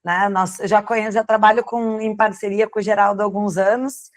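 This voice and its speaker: A guest expert, a tax lawyer and lecturer from Rio Grande do Sul in southern Brazil, speaks with a gaúcho accent in a mid-range, flat voice at a fairly quick clip. She explains things conversationally to an online audience, often answering her own questions, in a dry recording.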